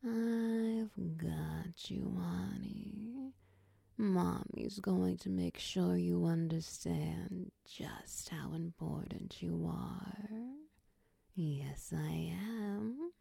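A woman voicing a motherly, possessive snake-tailed woman in a soft, close, whispered ASMR roleplay, coaxing and soothing. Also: fairly low pitch, drawn-out words, no room sound, full character voice. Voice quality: breathy whisper.

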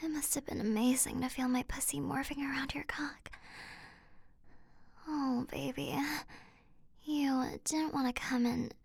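A tender young shapeshifter girlfriend, as a woman plays her in a whispered audio roleplay. Her voice sits high and breathy, and it drifts along slowly and softly, right up close to the microphone. The sound is dry, with no room around it. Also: steady tone, no echo. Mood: intimate whisper. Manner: playful, tender, coaxing.

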